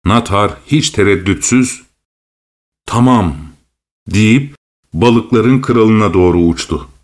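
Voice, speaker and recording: A man reading a fairy tale aloud at a medium pitch. His narration is measured and expressive, paced like a storybook.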